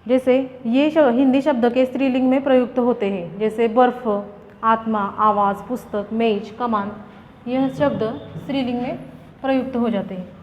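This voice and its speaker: A woman's voice: fairly high pitch, steady tone, moderate pace, slight background noise. Woman teacher listing grammar examples. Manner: listing example words, asking and answering her own questions. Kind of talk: grammar lesson. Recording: dull reverberant room recording.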